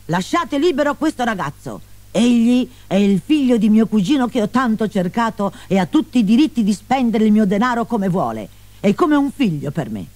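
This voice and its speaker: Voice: mid-range voice, a little mellow, voice pushed up, lightly acted. Blustering miserly old merchant, commanding, voiced by the narrator. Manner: blustering, bossy. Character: stingy older merchant father, blustering.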